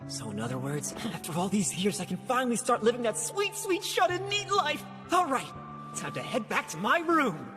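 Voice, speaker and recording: A low, grumbling teenage boy. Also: normal speed, few pauses, over music. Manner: sarcastic, grumbling, deadpan asides. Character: lazy teenage boy wizard, wants to stay in. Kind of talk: anime English dub.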